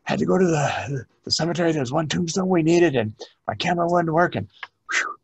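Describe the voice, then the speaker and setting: A man's voice: fairly high pitch, expressive, fast talker, vocal fry, slightly rough, no room sound, pitched above the performer's own voice, full character voice. A man doing a breathless, overexcited patron. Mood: excited. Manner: breathless rambling. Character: overexcited chatty male genealogy patron.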